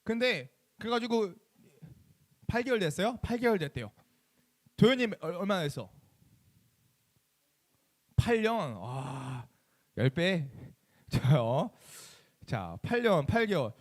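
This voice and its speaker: A man preaching a youth sermon in a church chapel, animated and keeps asking the audience questions. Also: sits high, takes it slowly, long pauses. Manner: animated, asks the audience many questions and acts out quoted voices. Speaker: youth pastor.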